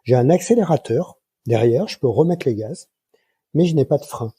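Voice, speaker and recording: A man's voice: medium pitch, expressive, normal speed, dark tone, slightly rough, no echo. A man in his sixties, a flight instructor, telling colloquial anecdotes in a casual interview with many fillers. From France. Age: 60s. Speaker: guest, microlight flight instructor.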